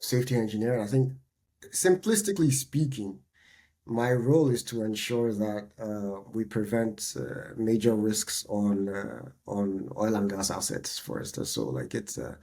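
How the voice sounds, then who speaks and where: A man, co-hosting a podcast in a relaxed, chatty way. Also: lowish voice, measured pace, gravelly, slightly rough. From Nigeria. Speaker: podcast co-host. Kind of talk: casual chat.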